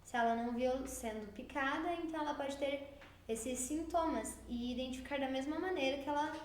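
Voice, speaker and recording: A woman teacher from Brazil walks young pupils through a worksheet in a recorded lesson, explaining each task slowly and patiently. Her voice sits high. The room is echoey, with a faint hiss underneath. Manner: slow, patient, explaining step by step. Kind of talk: recorded remote class walkthrough.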